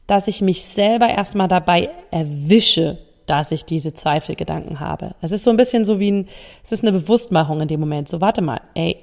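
A woman's voice: fairly low pitch, darkish tone, in a large hall. A woman speaking as a coach in a podcast, explaining her methods in a thoughtful way with frequent hesitations, indoors in a room with a window. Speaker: NLP coach and podcast host. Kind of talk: reflective coaching talk.

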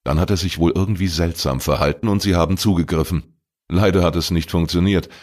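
A man's voice: sits low, brisk, a little mellow. A man reading a crime story voices a female police contact giving a matter-of-fact briefing.

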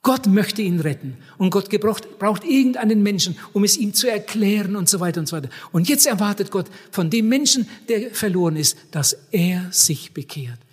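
A man preaching a sermon in an earnest, emphatic way, addressing his listeners warmly as dear ones. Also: sits high, expressive, normal speed, hardly any pauses, breathy edge. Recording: long hall reverb.

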